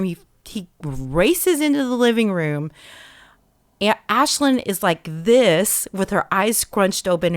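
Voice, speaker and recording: A middle-aged woman telling family stories in casual chat, animated and laughing often. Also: mid-range voice, no echo, studio quality. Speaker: podcast co-host sharing parenting stories.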